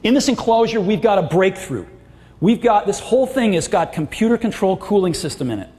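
A man's voice: high-pitched, animated, brisk, darkish tone. A middle-aged man giving a product launch keynote on a large auditorium stage, with emphatic, enthusiastic salesmanship. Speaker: keynote presenter. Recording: long hall reverb, faint crowd.

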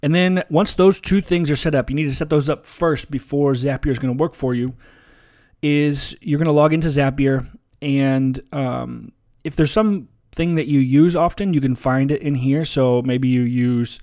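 A man presenting a relaxed, casual software tutorial over a screen recording, with frequent ums and uhs. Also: medium pitch, moderate pace. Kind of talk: screen-share software walkthrough.

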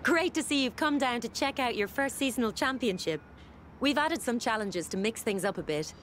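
A woman's voice: a little high, lively intonation, moderate pace, fairly bright tone, a little hiss or hum. An actress playing a friendly young female organizer at a racing festival in a game, welcoming the player.

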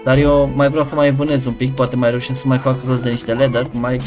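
Excitable male streamer, swears often, game music in the mix. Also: mid-range voice, lo-fi sound. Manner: excitable, swearing, yelps when scared. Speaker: gaming streamer. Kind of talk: casual gameplay chat.

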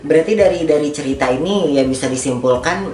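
Very deep-voiced woman interviewer. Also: fairly quick, far from the mic. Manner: attentive, frequent hums of assent. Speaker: podcast host. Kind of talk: interview hosting. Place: small indoor pink-decorated studio. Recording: roomy echo with faint background music.

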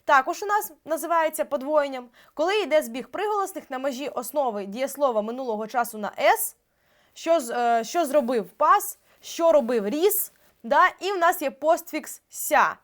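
Young woman teacher, pretty high voice, walks through grammar rules step by step, drags out the example words. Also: expressive. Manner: explains step by step, stretches out example words slowly. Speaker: Ukrainian language teacher. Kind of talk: exam-prep grammar lesson.

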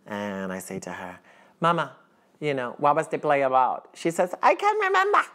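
The voice swings widely in pitch, sounding pushed and bright at a normal speed. It belongs to a young actor playing a naive Colombian teacher in an apartment kitchen, earnestly speaking broken English with a strong Colombian Spanish accent and abrupt pitch leaps, all for a deadpan comedy sketch.

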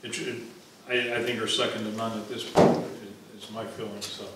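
A man on the council thanking the public works crew, halting with repeated words. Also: lowish voice, little pitch movement. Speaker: council member. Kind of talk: meeting remarks. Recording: echoey room from far off with loud noise.

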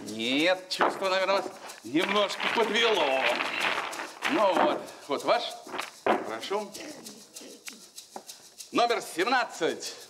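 Man, middle-aged, high voice, formal bingo caller, game show host, noisy old studio broadcast. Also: big pitch swings, takes it slowly, long pauses. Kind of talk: bingo caller announcing drawn numbers. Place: large TV studio with audience.

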